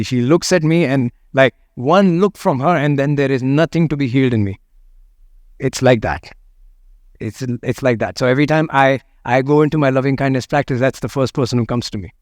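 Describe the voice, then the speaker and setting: Male meditation teacher, mid pitch, gentle and unhurried delivery, dry close-miked recording. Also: no echo. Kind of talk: guided meditation and talk on loving kindness.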